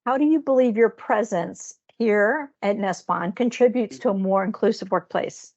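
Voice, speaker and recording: A woman interviews a colleague in an upbeat, encouraging way, with some hesitant fillers. Her voice sits at a middle pitch. The audio is dull and lo-fi, like a video call. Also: normal speed, a little mellow. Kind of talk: casual interview conversation.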